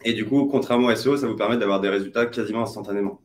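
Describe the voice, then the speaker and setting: A man's voice: fairly low pitch, racing, a little hiss or hum. A man, an advertising expert, explaining online advertising in a webinar, hesitant with many fillers and restarts. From France.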